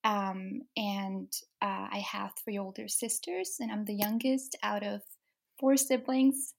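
A young woman from Denmark, an author interviewed as a guest, speaking softly with many ums and restarts. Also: mid-range voice, takes it slowly, gravelly. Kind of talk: casual interview.

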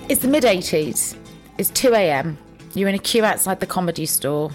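A woman's voice: lowish voice, lively intonation, normal speed, soft background music. A woman hosting a podcast and interviewing a guest with poised, structured questions. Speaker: podcast host.

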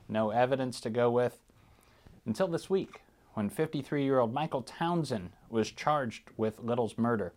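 A man hosting a true crime podcast, giving informal, conversational commentary on the news. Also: medium pitch.

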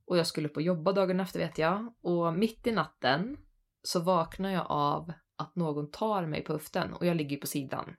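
Lively Swedish woman telling a ghost story. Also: fairly low pitch. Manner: animated, laughing through a spooky personal story. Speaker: podcast co-host. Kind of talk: casual storytelling chat.

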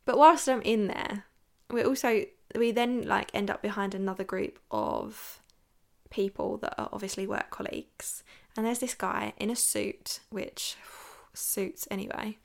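Young english woman on her podcast, kinda creaky voice, chatty and lively, says like a lot. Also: medium pitch, a little slow. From England. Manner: chatty, animated, lots of "like". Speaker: podcast host. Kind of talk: casual storytelling. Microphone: podcast mic.

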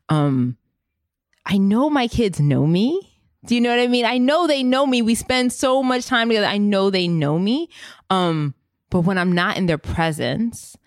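A woman hosting a podcast, telling a personal story in casual chat, rambling with many fillers and getting animated and emotional. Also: sits low, dry recording, clean studio sound. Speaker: podcast host.

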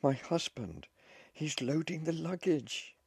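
A man voicing a panicked young newlywed woman, frantic and shouting over a crowd. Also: lowish voice, very animated, normal speed, breathy edge, no room sound, studio quality, voice pushed up, exaggerated voice.

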